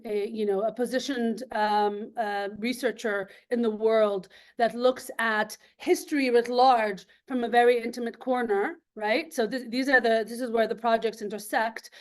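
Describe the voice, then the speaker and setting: A woman from Lebanon giving an academic seminar talk over a video call, thoughtful and full of ums and restarts. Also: on the high side.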